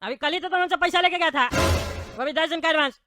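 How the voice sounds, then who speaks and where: A woman in a comic sketch, loudly scolding and shouting. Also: high voice, quick pace, loud music behind the voice. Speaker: comedy sketch actor.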